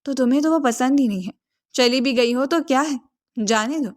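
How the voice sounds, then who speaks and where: A woman voicing a caring, gently teasing middle-aged mother in a read-aloud romance story. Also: sits high, close to an everyday voice.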